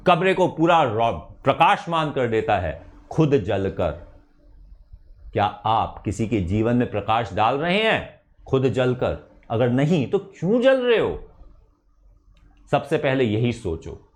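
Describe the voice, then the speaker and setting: Emphatic man giving a motivational talk. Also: medium pitch. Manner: emphatic, rhetorical questions, mixes English phrases. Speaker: chemistry teacher. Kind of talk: motivational talk to exam students.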